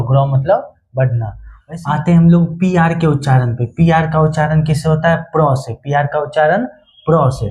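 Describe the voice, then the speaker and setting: Hindi accent guy doing phonics for kids, kinda high but mellow voice, asks then answers himself. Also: poor audio. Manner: call-and-response questioning, spelling letters aloud. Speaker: teacher. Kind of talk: phonics lesson for children.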